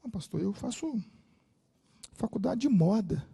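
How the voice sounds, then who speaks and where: Timid young woman with low self-esteem, soft and pleading, put on by a male preacher. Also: big pitch swings, moderate pace, creaky, husky, exaggerated voice.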